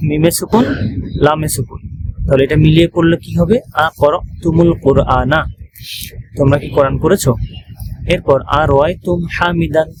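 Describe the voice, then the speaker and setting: Man, Bangladeshi Bengali accent, online grammar teacher, step-by-step explaining, slow example reading, slightly high voice, noticeable background noise. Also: steady tone. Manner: explains step by step, often asks checking questions; reads example phrases slowly, then translates. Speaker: Arabic teacher. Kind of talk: recorded online grammar lesson.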